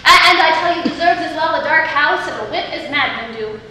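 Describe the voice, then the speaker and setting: A woman's voice: high-pitched, animated, a little fast, pushed and bright. A woman on stage playing a witty, teasing young heroine disguised as a youth, declaiming playfully in Shakespearean style. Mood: teasing, animated. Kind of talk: live Shakespeare stage acting. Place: stage performance, recorded from afar. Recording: distant, echoey stage recording with faint noise.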